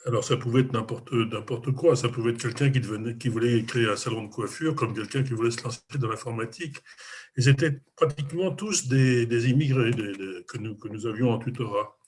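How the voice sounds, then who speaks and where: A man speaking in a group discussion, measured, often repeating words while he thinks. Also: medium pitch, a little mellow, a little hiss or hum. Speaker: club member in a discussion. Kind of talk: casual discussion.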